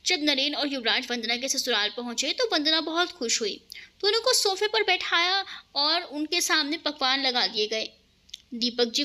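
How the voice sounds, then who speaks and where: A woman narrating a romantic family story and voicing every character herself. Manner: lively, shifts pitch for each character.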